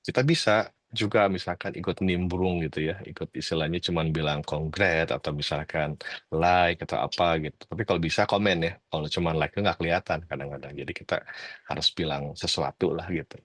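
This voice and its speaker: A middle-aged man giving casual advice, talking in a relaxed, hesitant way with lots of fillers and English words mixed in. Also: sits low, fairly quick, no room sound. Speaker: guest advisor on working abroad. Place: lives abroad, talks from home.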